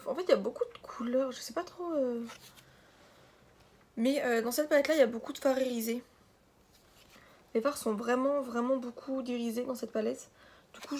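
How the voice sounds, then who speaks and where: A woman's voice: a little high, a little mellow, slight background noise. A young woman chatting casually as she reviews a makeup set, rambling and poking fun at herself. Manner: chatty, rambling, self-mocking. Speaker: beauty vlogger.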